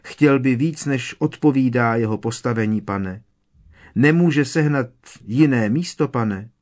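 A man voicing a tiny, servile female house-elf with a squeaky, trembling voice, reading a storybook. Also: a little mellow, close to an everyday voice. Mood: worried. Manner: fearful, deferential, keeps saying sir.

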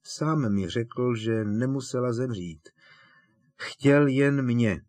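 A man voicing a teenage boy wizard in an audiobook, speaking quietly, earnestly and relentlessly. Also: mid-range voice, no echo, voice pushed up, lightly acted. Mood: grim.

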